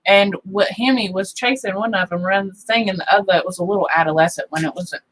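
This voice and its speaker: A woman's voice: mid-range voice, fairly quick, fairly bright tone, low-quality recording. A woman co-hosting a casual farm livestream, chatting in a rambling way that drifts into tangents. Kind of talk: casual chat. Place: farm home.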